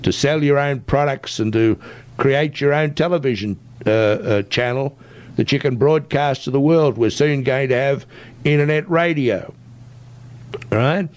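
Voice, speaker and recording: Man, Australian accent, mid-pitched voice, emphatic, insistent, persuasive explaining, interview guest. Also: measured pace. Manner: emphatic, insistent, often tags sentences with "right?". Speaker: interview guest, tech entrepreneur.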